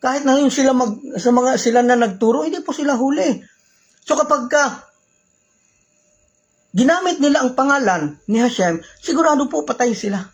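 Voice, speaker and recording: A man's voice: very high voice, animated, normal speed, slightly rough, low-quality recording. A Filipino man with a Filipino accent, teaching religious law in a casual way, switching between Tagalog and English, using polite particles and asking rhetorical questions. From Philippines.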